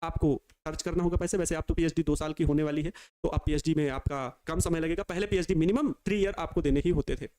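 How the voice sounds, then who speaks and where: A man's voice: a little high, fairly even intonation, a little fast, few pauses, warm tone. A young man from North India, a physics teacher chatting and digressing as he talks straight to his students in a live online class. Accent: North Indian Hindi.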